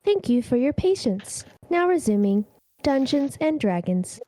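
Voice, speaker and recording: A woman putting on a robotic announcer voice, flat and mechanical, as a player on a tabletop game stream. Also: high voice, a little slow, no echo. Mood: announcing.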